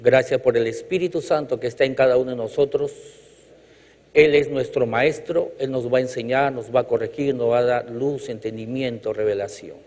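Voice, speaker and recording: A preacher from Chile speaks at a moderate pace in a medium-pitched, darkish voice, leading a sermon in a church hall where the congregation calls out. He's emphatic, with rhythmic repetition and light jokes; the hall echoes and the lo-fi sound is dull.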